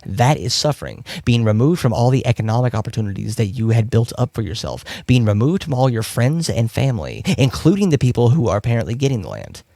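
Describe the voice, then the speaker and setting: A man from Kentucky argues back in a live debate and leans hard on each point. His pitch rises and falls widely as he presses his case. The recording is dry and close. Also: very animated, fast, creaky, few pauses, dark tone, no echo. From Kentucky, USA. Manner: emphatic, argumentative. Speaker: debate guest.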